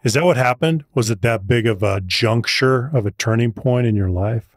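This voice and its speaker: A man's voice: medium pitch, moderate pace, no echo, clean studio sound. A man hosting an interview, asking encouraging questions and paraphrasing his guest's points. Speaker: podcast host.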